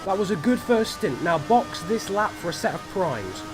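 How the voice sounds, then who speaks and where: A man voicing a race engineer who gives short, calm instructions over the team radio in a racing game. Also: sits high, moderate pace, over music. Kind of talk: game voice acting.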